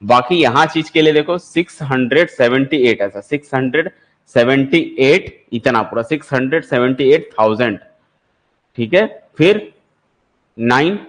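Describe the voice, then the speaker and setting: A man's voice: mid-range voice, expressive, moderate pace. Male maths teacher quizzing his class. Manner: explains step by step, quizzing students with repeated questions. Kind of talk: classroom lecture for exam prep.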